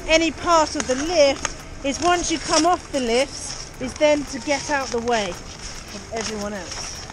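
Woman ski instructor, very high voice, cheery and encouraging, calling out coaching cues outdoors over clear background noise. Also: unhurried. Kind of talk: live beginner lesson, coaching and explaining to camera. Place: outdoors on a busy ski slope. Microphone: action camera held or worn. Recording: noisy outdoor action-camera sound.

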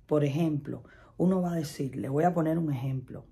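A woman's voice: low voice, fairly quick, mellow. A middle-aged Spanish-speaking woman telling a chatty personal story, laughing often and repeating herself. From Latin America. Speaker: vlogger.

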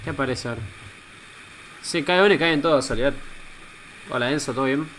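A man with an Argentine accent, reacting live as a streamer, excitable and casually swearing while he greets his chat. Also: mid-range voice, brisk, slight background noise. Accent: Argentine Spanish.

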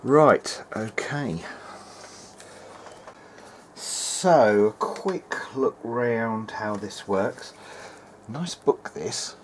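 Hosting a relaxed electronics demo at his indoor workbench, this hobbyist repairer muses aloud with hesitation. His mid-range voice has lively intonation, drawn-out words, and long pauses. The audio is clear, though workshop room noise sits in the background.

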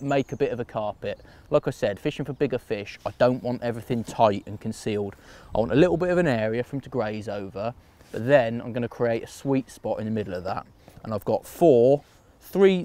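A man from England, an angler, calmly talking through bait mixing and feeding his swim outdoors on a canal bank in a practical fishing how-to. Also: medium pitch. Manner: relaxed, practical, talks through each step. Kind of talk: instructional fishing demonstration.

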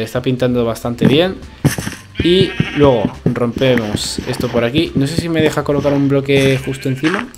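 Man chatting through a game tutorial. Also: medium pitch. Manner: chatty, explaining step by step, constant "¿vale?" checks. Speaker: gaming video creator. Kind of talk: casual gameplay tutorial narration. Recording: game audio with music behind.

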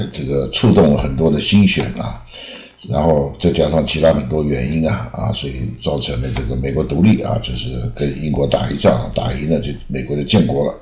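A man teaching English over slides in Taiwanese-accented Mandarin, unhurried, with many drawn-out filler sounds. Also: a bass voice, darkish tone. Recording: echoey room.

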